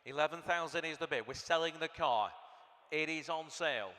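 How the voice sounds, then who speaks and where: A man's voice: fairly high pitch, brisk, pushed and bright. A man working as an auctioneer at a live sale, rattling off prices and bids with chatty asides to the bidders. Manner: chatty asides to bidders between bid calls. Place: large auction hall. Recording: hall reverb from PA.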